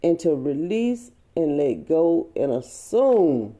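A woman hosting a podcast, speaking a heartfelt spiritual monologue with slow, drawn-out phrasing. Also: sits low, big pitch swings, dark tone. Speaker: podcast host.

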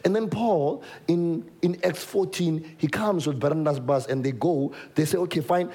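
A South African man preaching a sermon in a high voice with a gravelly edge. He tells the story with energy and repeats words to drive the point home. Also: measured pace, mellow. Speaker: pastor.

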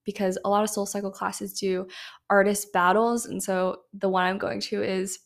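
Creaky-voiced young woman hosting a podcast. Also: medium pitch, level tone, moderate pace. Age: young adult. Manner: chatty, filler-heavy, laughing often. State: sick. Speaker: podcast host. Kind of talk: casual chat.

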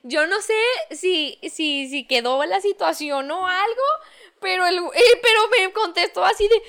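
A young Mexican woman with a high voice, chatting playfully and giggling as she acts out what other people said. Her talk is loose and slangy. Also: a little slow, a bit bright. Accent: Mexican Spanish. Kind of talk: casual chat.

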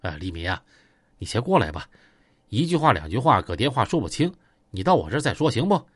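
A man voicing a hesitant local boss who coaxes in a low voice, with a Northeastern Chinese accent. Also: very animated, fairly quick, a bit bright, husky, dry recording, clean studio sound. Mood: coaxing.

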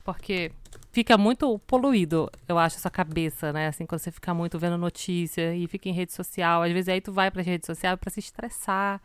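A woman's voice: on the low side, fairly quick, clear, resonant tone, no echo. A woman chatting casually about home life, talking in long loose runs with lots of filler words. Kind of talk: casual chat. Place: home in Canada.

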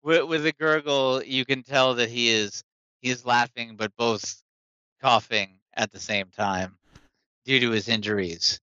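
A man's voice: mid-range voice, steady tone, unhurried, pushed and bright, smooth, dry recording, lo-fi sound. A man narrating a tabletop game as game master, describing events and answering players.

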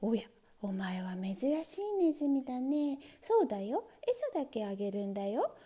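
A woman's voice: sing-song, moderate pace, mellow, breathy edge, heavily acted. A woman voicing a talking mousetrap that coaxes mice in with a sweet, wheedling voice. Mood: coaxing. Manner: sweet wheedling high voice, curt when annoyed. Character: coaxing talking mousetrap, sly then sulky.

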